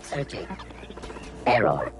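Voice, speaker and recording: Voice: medium pitch, sing-song, takes it slowly, music in the background. A performer voicing a malfunctioning robot in a game, speaking in clipped, repetitive machine statements through a glitching robotic voice. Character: malfunctioning robot unit stuck in error loops.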